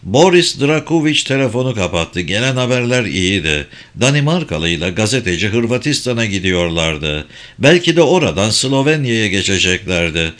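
A man's voice: on the low side, very animated, normal speed, a bit bright. Man reading a thriller audiobook. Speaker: audiobook narrator. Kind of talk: scripted thriller narration.

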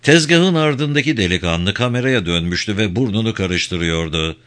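A man narrating a crime novel audiobook with a lively, expressive reading. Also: lowish voice, moderate pace.

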